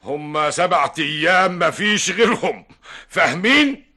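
An actor playing a blustering, exasperated office boss in an Egyptian Arabic radio comedy, bossy and sputtering. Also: male voice, on the high side, sing-song, racing, sharp tone, slightly rough, heavily acted. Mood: stern.

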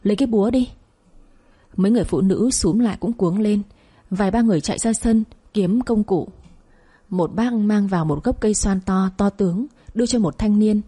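A woman narrating a dramatic audio story in a steady, emotive way. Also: mid-range voice, normal speed, breathy edge.

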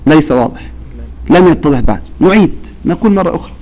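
A man's voice: a little high, lively intonation, fast talker, darkish tone, low-quality recording. Questioning male Quran teacher. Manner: explains step by step, checks understanding with questions. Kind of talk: classroom lesson.

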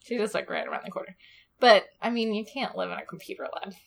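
A woman's voice: mid-range voice, animated, quick pace, creaky. Giggly chatty podcast woman. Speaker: podcast co-host. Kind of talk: casual chat.

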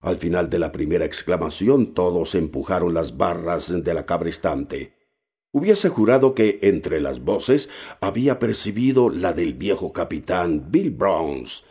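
A man reading a novel aloud as narrator, steady and measured with occasional hesitations. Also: low voice, slightly rough. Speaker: audiobook narrator.

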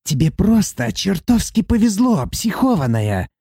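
A man doing Valafar, a squeaky sneering demon dwarf. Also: big pitch swings, unhurried, warm tone, slightly rough, no echo, studio quality, exaggerated voice. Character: small grumbling male demon dwarf, rude and mocking.

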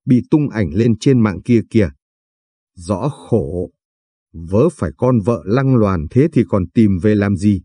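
A man's voice: on the low side, lively intonation, slow, mellow, breathy edge, no echo, studio quality, exaggerated voice. A man reading the lines of a spiteful gossiping woman bystander.

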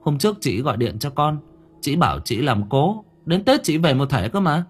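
A man voicing a young village son who talks in a hurried, questioning way. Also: a little high, very animated, slightly rough, voice pushed up. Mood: puzzled. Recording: faint music underneath.

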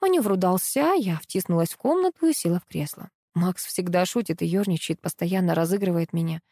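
A woman reading a first-person audiobook in a lively, ironic storytelling manner. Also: on the low side, a little fast, no echo, studio quality. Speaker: audiobook narrator.

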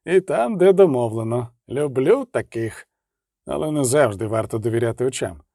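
A man's voice: medium pitch, lively intonation, moderate pace, vocal fry, mellow, no echo, clean studio sound. A man voicing a curt, commanding knight-mercenary leader who gives clipped, irritable orders.

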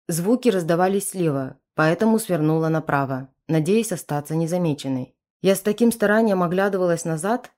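A woman narrating an audiobook in a steady, dramatic reading voice. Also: lowish voice.

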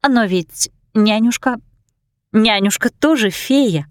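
A woman's voice: fairly high pitch, slow pace, no room sound, clean studio sound. A woman reading aloud, voicing an earnest young fairy girl who asks questions and stands her ground.

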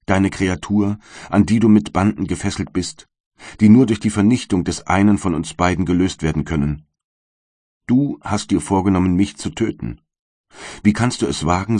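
A man's voice: sits low, darkish tone, dry recording, clean studio sound. A man voicing a huge male creature in an audiobook reading, solemn and reproachful. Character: hulking male creature, bitter and pleading.

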